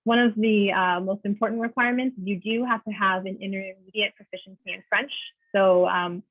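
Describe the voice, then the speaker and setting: A woman giving a friendly, informative panel presentation on a video call, often pausing with "uh". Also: mid-range voice, fairly even intonation, no room sound. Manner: friendly, informative, uses many "uh" fillers. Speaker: panelist presenting a teaching program. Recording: dry, phone-like video call audio.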